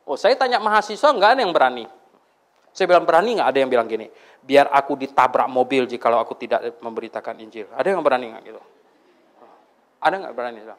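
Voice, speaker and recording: A man preaching a Sunday sermon to a congregation, telling stories and questioning his listeners in an animated way. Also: mid-range voice, quick pace. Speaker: pastor. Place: church before a congregation.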